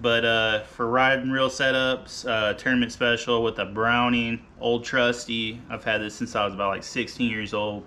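A man in his thirties, a fishing vlogger, casually walking through his gear in a garage, relaxed and rambling with many ums and uhs. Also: fairly low pitch, slight background noise. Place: garage, seated by boat gear.

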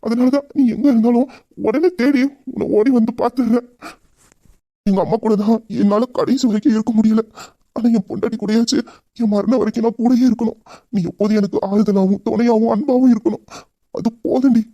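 Loving young husband voiced by a man, Tamil accent, quick, dark, close dry mic, romantic audio drama. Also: very high-pitched, steady tone, dry recording, muffled recording. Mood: tender. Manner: intimate, heartfelt, rapid talk. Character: grieving young husband Veera, loving and tender.

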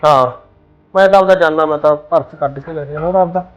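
A man's voice: a little high, a little fast, noisy background, natural voice. An actor playing a young man on night duty who insists and complains to his mother and sister-in-law. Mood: aggrieved. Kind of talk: Punjabi short film acting.

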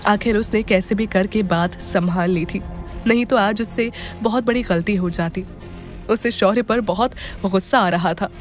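A woman's voice: mid-range voice, normal speed, faint music behind. Dramatic woman storyteller. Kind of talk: scripted audio drama narration.

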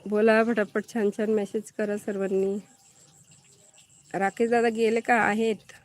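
A woman's voice: mid-range voice, flat delivery, measured pace. A woman from Maharashtra hosting a live stream, chatting casually and answering viewers' comments as she greets them by name.

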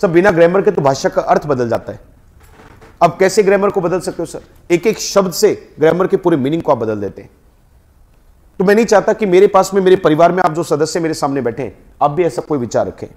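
A man's voice: fairly high pitch, lively intonation, fairly quick, darkish tone. A man with an Indian accent teaching a spoken English class, prompting students to repeat words after him.

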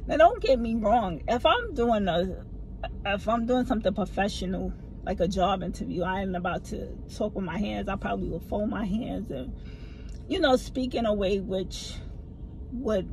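A middle-aged vlogger from a Southern American family tells a casual story from the seat of her parked car, animated and talking with her hands. Her low voice is expressive but hard for some to hear, at normal speed. A phone camera mounted in front of her gives poor audio with slight background noise.

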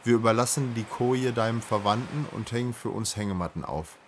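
A man's voice: on the low side, a little fast, slight background noise, natural voice. A man reading aloud and voicing a friendly young king who reassures his companions.

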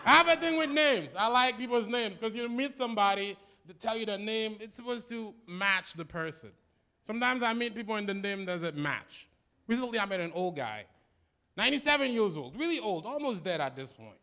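A male stand-up comedian with a Haitian accent and a fairly high voice that swings up and down a lot. He lands his jokes in a punchy, wry way during a live set. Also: lively intonation, brisk, pushed and bright. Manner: punchy, wry joke delivery. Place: live comedy show stage.

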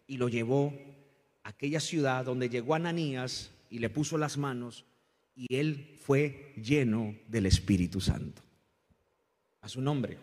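A man preaching a sermon to a congregation, with passionate rises and drops in his delivery and calls for them to repeat after him. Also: darkish tone. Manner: impassioned preaching, rising and falling in pitch and volume. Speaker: pastor. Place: church hall. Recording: long church reverb.

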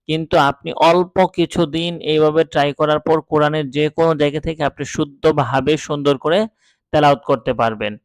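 A man leads a slow, careful reading lesson, his voice slightly high for a man and smooth. He takes his time, spells each sound out patiently, and the recording is dry and close. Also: no echo. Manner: patient, spells letters out slowly then recites drawn out. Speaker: Quran reading teacher. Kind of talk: step-by-step recitation lesson.

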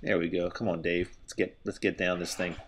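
Low-voiced man, winded, middle-aged, halting skiing commentary, helmet-camera sound outdoors. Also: flat delivery, a little hiss or hum. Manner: breathy, stop-and-start commentary with restarts. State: winded from exertion. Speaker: skier filming with a helmet camera. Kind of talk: casual narration while skiing. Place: outdoors on a steep ski slope. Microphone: helmet-mounted camera.

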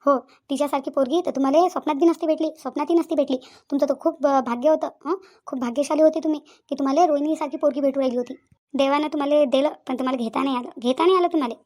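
A woman's voice: high-pitched, fairly even intonation, rapid-fire, darkish tone, lightly acted. A woman voicing a furious elder sister. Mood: scolding. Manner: scolding, accusing. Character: angry elder sister defending her sibling.

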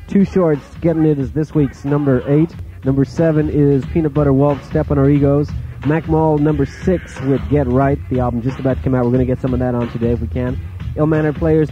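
A man hosting a hip hop countdown on a pirate radio broadcast, rattling off chart entries in quick, clipped fragments. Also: medium pitch, lo-fi sound. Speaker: radio DJ and host. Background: music playing under the voice.

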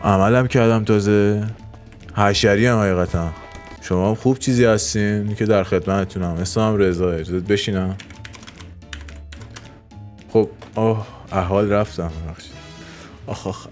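A man's voice: fairly low pitch, soft background music. A man streaming a crime game, improvising crude, flirtatious role-play banter and often laughing.

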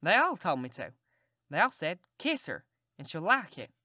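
A woman's voice: fairly low pitch, big pitch swings, normal speed, pushed and bright, no room sound, clean studio sound, full character voice. A woman voicing Tom Sawyer, a cheeky Southern boy who talks in a polite, mock-innocent drawl.

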